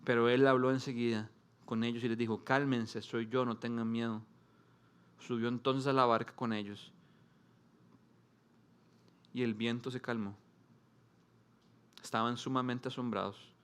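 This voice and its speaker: A man preaching a sermon to a congregation, speaking in short emphatic phrases with dramatic pauses and at times rising into animated storytelling. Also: medium pitch, clean tone. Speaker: pastor. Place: church service before a congregation.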